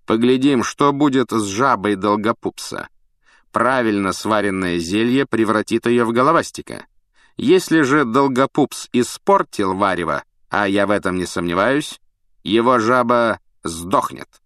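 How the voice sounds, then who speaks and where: Guy doing a mean sneery teacher, slow cold mocking drawl, dry audiobook sound. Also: mid-range voice, a bit bright, no room sound, lightly acted. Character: stern sneering male potions teacher. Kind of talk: audiobook character voice.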